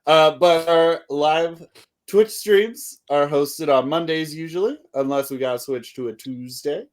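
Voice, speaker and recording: Slow-talking casual podcast co-host man. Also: a little high. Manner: rambling, self-deprecating, laughs often. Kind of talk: casual chat.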